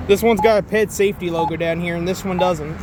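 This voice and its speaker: A man's voice: high-pitched, fairly even intonation, fast. A man making casual spoken observations as a vlogger, outdoors on location. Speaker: vlogger testing crosswalk buttons. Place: outdoors at a street crossing. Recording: loud outdoor street and car noise. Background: passing traffic.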